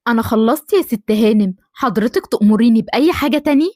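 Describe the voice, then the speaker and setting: A woman's voice: fairly high pitch, lively intonation, fast talker, a little mellow, no room sound, clean studio sound. A woman with an Egyptian accent voicing a polite, humble cleaning woman who is eager to please. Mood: obliging.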